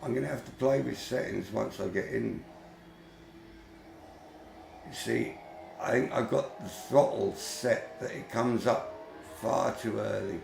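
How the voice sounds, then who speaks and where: A man's voice: lowish voice, unhurried, creaky, long pauses, a little mellow, roomy sound, soft background music. A man giving casual running commentary while gaming, chatty and grumbling, with mild swearing. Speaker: vlogger.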